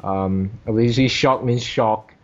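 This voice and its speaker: A young man hosting a casual podcast, talking in halting bursts and swearing casually. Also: medium pitch, muffled recording. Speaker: podcast host.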